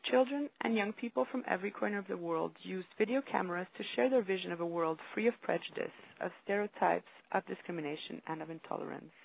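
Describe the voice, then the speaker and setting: A woman reading a formal, measured presentation about a youth video project on a webinar. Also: on the low side, gravelly, a little hiss or hum, poor audio. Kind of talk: read-out presentation.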